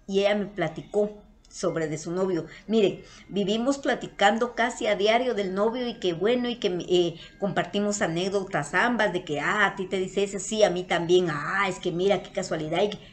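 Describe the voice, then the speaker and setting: A woman with a Guatemalan Spanish accent, telling a personal story to her viewers in a casual, earnest way. She often repeats herself and calls her audience her loves. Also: mid-range voice. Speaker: vlogger.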